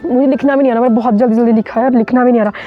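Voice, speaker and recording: A woman's voice: on the high side, steady tone, racing. Woman from India telling a survival story. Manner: vivid, urgent retelling with many restarts. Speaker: mountaineer guest. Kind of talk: interview storytelling. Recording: dull lo-fi sound with faint music.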